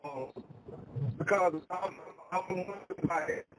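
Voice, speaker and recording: A man's voice: high-pitched, background noise. A man calling in to a radio talk show, hesitant and stumbling over words, on a phone line that keeps breaking up. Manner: hesitant, halting, repeats words. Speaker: caller.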